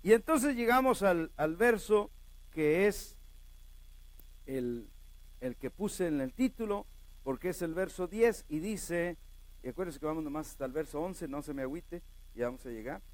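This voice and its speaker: A male pastor, preaching a sermon with animated storytelling and questions to the congregation. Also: on the high side, normal speed, dry recording.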